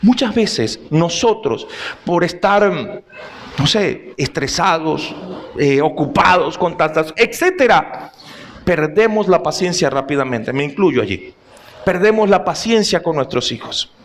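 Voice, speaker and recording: Man preaching with a high voice. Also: lively intonation, unhurried, slight background noise. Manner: preaching to a congregation, with anecdotes and questions to the listeners. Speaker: pastor. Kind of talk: sermon.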